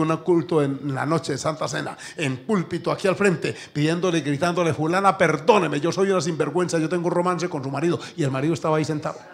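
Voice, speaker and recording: A middle-aged man with a Colombian accent preaching a sermon, telling stories with emphatic, animated outbursts. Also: a little high. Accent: Colombian Spanish. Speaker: pastor. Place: church.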